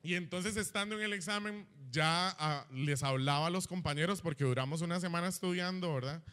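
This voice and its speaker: High bright young man telling a testimony. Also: brisk, smooth. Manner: animated storyteller, tags lines with "¿verdad?". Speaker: church member giving a testimony. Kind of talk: personal testimony in church. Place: church hall.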